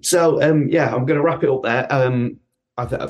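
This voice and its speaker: A man's voice: medium pitch, moderate pace, darkish tone, dull audio. A man hosting a football fan podcast, talking casually with hesitations and fillers.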